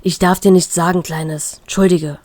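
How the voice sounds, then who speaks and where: A kind male bear who talks low and apologetic, holding back what he knows, put on lightly by a woman reading a fanfiction. His lines come out quiet and slow. It is an everyday voice with barely any change. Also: steady tone, no echo, close to an everyday voice. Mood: hushed apologetic. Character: gentle male bear crew member, secretive.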